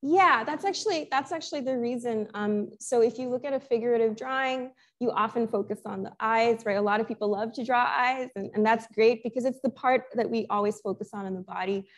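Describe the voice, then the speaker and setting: A woman's voice: on the high side, a little fast, hardly any pauses. A young woman artist who grew up in Sri Lanka, answering questions in a conversational talk, reflective and full of small restarts. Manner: reflective, thoughtful, many restarts and fillers. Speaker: guest artist.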